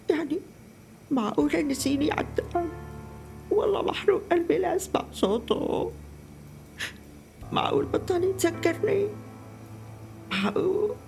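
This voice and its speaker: Woman playing a lonely old syrian mum, talks a lot, soft and emotional, kinda high pitched. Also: vocal fry, full character voice. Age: older. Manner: talkative, tender, emotional. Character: lonely elderly mother, warm, chatty, wistful. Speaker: mother. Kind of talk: scripted drama acting.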